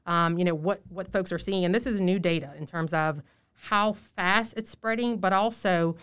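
A woman speaking through a face mask as a health official in an interview, explaining in a measured way and stressing key points. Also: fairly low pitch, a bit bright, clear, resonant tone. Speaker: public health official, podcast guest. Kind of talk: informative podcast interview.

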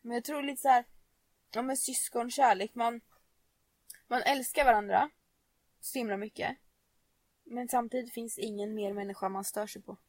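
A woman's voice: on the high side, fairly even intonation, pauses often, dry recording. A young woman co-hosting a podcast, telling a story in casual chat, laughing and swearing often. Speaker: podcast co-host.

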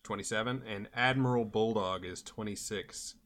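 Young man, mid-twenties, podcast co-host, blunt offhand talk with some swearing, slightly low voice. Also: moderate pace, fairly bright tone. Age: 20s. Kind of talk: casual chat.

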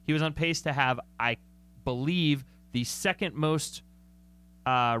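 A man's voice: medium pitch, fairly bright tone, clean tone. A man co-hosting a sports talk show, analyzing football in a chatty, joking way and often correcting himself mid-sentence. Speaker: sports podcast co-host.

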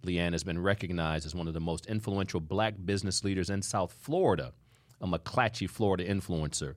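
A man hosting a studio interview podcast, speaking emphatically and warmly to his guest. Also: deep voice, brisk. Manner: warm, emphatic, calls guest "sister". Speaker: podcast host.

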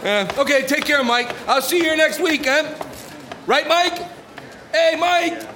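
A man's voice: sits high, big pitch swings, moderate pace. An actor playing a cheerful, coaxing male store manager in an audio drama. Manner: jovial, reassuring.

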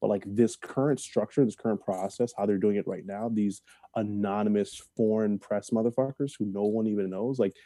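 A man's voice: on the low side, steady tone, fairly quick, dark tone, dry recording. A man co-hosting a casual podcast, speaking emphatically and repeating phrases for effect. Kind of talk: casual opinionated podcast banter.

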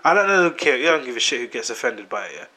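A man chatting casually on a podcast, animated and slangy, repeating himself for emphasis. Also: medium pitch, fast talker. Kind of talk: casual chat.

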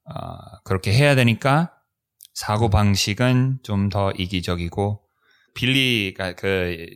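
A foreign-accented man discussing casually, often halting as he searches for words. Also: lowish voice, a bit bright, clear, resonant tone. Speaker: co-host, Korean learner.

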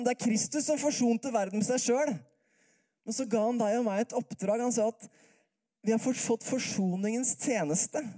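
Mellow-voiced man preaching calmly. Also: very high-pitched. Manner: calm, conversational, with many rhetorical questions. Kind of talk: sermon.

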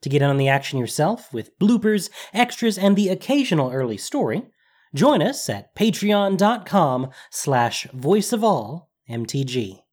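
A narrator reading a fantasy story in an animated, expressive way. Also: medium pitch, moderate pace. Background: background music.

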